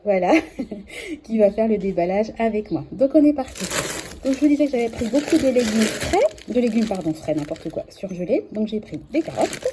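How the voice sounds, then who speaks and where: A woman in her thirties with a French accent, chatting casually through a grocery unboxing vlog, correcting herself often and filling pauses with "euh". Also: on the high side, animated. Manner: chatty, self-correcting, many fillers. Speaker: vlogger. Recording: clear background noise.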